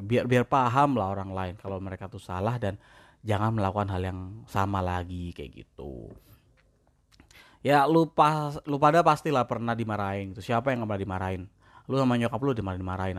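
A young man chatting casually, rambling with slang and many restarts. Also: lowish voice. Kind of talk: casual chat.

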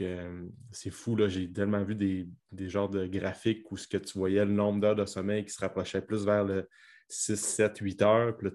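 Québécois guy hosting a podcast, really low voice, pretty flat. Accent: Québécois French. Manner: conversational, affirming, with fillers. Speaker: podcast host. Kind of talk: podcast conversation.

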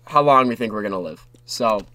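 A man's voice: fairly low pitch, lively intonation, fairly quick, sharp tone. A young man hosting a podcast in casual, rambling unscripted chat that often repeats phrases. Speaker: podcast host. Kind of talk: casual unscripted sports and pop culture chat.

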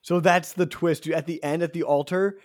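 A young man co-hosting a casual podcast, excitable and saying dude a lot. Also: fairly high pitch, moderate pace, no echo, clean studio sound. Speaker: podcast co-host. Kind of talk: casual chat.

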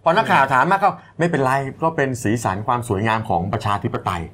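A man co-hosting a casual political news talk show, talking in an animated way with frequent restarts. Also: mid-range voice, slight background noise. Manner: animated, brisk, many restarts.

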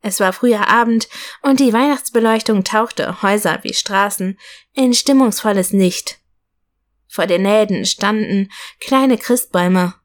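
A woman narrating an audiobook story in an even, storytelling manner. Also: mid-range voice, a little slow.

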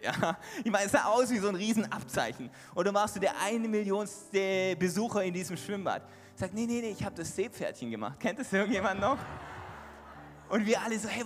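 A man's voice: high-pitched, a bit bright. A man preaching a sermon, telling jokey stories to the congregation and closing in prayer. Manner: storytelling, jokey asides to the audience, ends in prayer. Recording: hall reverb with faint music.

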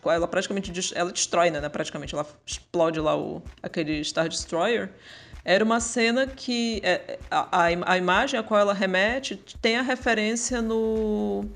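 A woman's voice: medium pitch, steady tone, normal speed, fairly bright tone. A woman on a casual podcast chat, knowledgeable and explanatory, laying out background details at length. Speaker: podcast guest.

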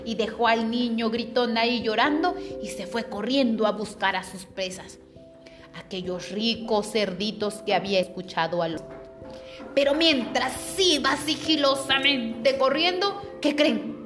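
A woman teacher telling a children's story in an expressive, dramatic way. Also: on the high side, unhurried. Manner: expressive, dramatic read-aloud. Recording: echoey room with music behind. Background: background music.

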